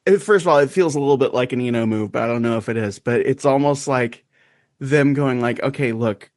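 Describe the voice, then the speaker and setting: A man co-hosting a podcast in casual chat, wry and quick to laugh. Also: mid-range voice, darkish tone, dry recording. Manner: laughs often, wry and self-aware. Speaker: podcast co-host.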